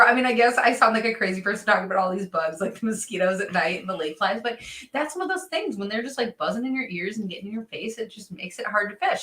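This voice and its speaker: Upbeat female co-host, bright tone, chatty livestream delivery, roomy echo. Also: medium pitch. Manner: chatty, upbeat, laughs often, many "um"s. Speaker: co-host of a fishing show. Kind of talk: casual gear chat on a livestream.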